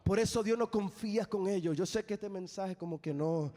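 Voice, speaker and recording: Man, young evangelist, impassioned sermon, very high voice, long hall reverb. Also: normal speed. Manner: impassioned, rises to sung shouts. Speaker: evangelist preacher.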